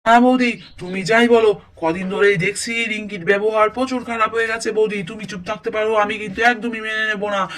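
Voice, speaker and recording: A man voicing a quick-tempered young husband in a cartoon story who blusters and issues warnings. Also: sits high, little pitch movement, a bit bright, far from the mic. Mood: blustering.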